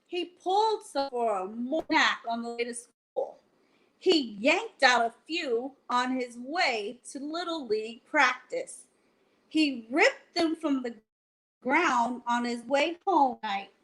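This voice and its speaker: Indoors at home, a library storytime host with a high-pitched, fairly bright voice reads a bedtime picture book aloud for children. Her intonation is lively, her phrasing slow and deliberate, and she speaks directly to young listeners, though the recording quality is low.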